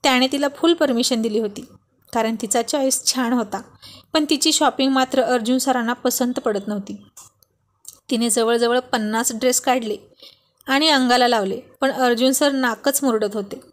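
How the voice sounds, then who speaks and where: A woman reading a romance story aloud in steady narration, slipping in English words. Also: on the high side, moderate pace.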